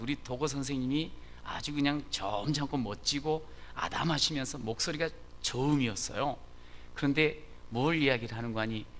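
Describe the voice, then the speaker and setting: A male pastor giving a conversational Sunday sermon in a church, with frequent drawn-out "ah" fillers. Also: medium pitch, a bit bright, a little hiss or hum. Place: church sanctuary.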